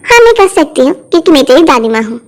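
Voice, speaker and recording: A woman's voice: sits high, very animated, quick pace. A woman voicing a bossy, scheming old grandmother who scolds and coaxes. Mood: sly coaxing.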